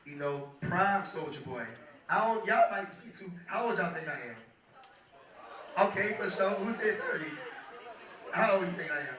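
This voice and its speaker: A hoarse guest speaker in his twenties, a music producer, gives a loose, chatty motivational talk to a crowd, often asking "you feel me." His bright, slightly high voice is expressive and measured, with frequent pauses, and it sounds distant in an echoey hall.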